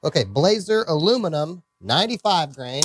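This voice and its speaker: Casual Iowa-accented range host. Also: male voice, on the high side, sing-song, normal speed, background noise. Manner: casual, rambling, self-correcting. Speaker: gun channel host. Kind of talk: casual range vlog with ammo test readouts. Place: outdoor shooting range.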